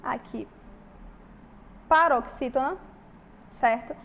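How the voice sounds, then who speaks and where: A woman with a Brazilian Portuguese accent teaches an exam-prep grammar lesson step by step, often checking in with her students. Her voice sits high and is gravelly and a bit bright, and she takes things slowly.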